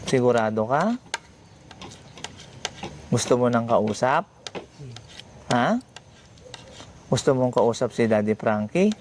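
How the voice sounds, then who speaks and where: A man hosting a vlog, gently asking question after question. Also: mid-range voice, expressive, slow, long pauses. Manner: gentle, repetitive coaxing questions. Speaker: vlogger host. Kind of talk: casual vlog chat, coaxing questions. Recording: noisy background.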